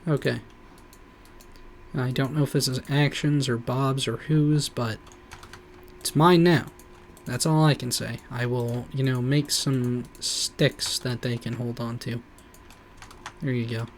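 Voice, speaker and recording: A man's voice: medium pitch, level tone, measured pace, a little hiss or hum. A man streaming a game, rambling casually with lots of "like" and "you know". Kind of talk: casual gameplay commentary.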